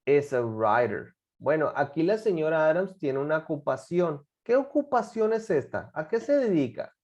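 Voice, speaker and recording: A woman with a low voice leads an English class. Her pitch rises and falls a lot as she coaxes students along with guiding questions. She drills pronunciation patiently, repeating each word. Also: sing-song, normal speed, darkish tone, muffled recording. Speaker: English teacher.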